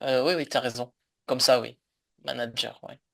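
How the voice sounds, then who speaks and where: A man's voice: mid-range voice, fairly even intonation, brisk, vocal fry, background noise. A man teaching a French lesson over a video call, explaining patiently with many fillers and repeats. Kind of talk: online language lesson.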